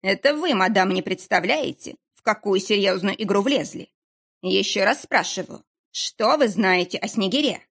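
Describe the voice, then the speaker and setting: A woman's voice: medium pitch, expressive, moderate pace, vocal fry, fairly bright tone, breathy edge, full character voice. A woman doing a mocking male interrogator. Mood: mocking menace. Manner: mocking, threatening. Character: menacing round-faced male interrogator.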